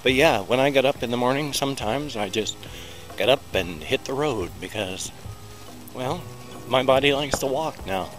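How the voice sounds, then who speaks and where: A middle-aged American vlogger walks through a small town beside a busy road, holding a small recorder close to his mouth for a casual walking vlog. His mid-range voice has lively intonation at a moderate pace as he rambles chattily and pokes fun at himself. Loud traffic passes, faint music plays behind, and the recording is rough.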